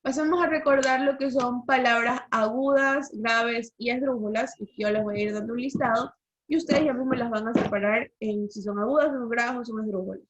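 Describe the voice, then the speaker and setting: A woman's voice: on the high side, steady tone, brisk, slight background noise. A woman teacher giving an online language lesson, explaining rules and quizzing the class with questions over a video call. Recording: slightly dull lo-fi call audio.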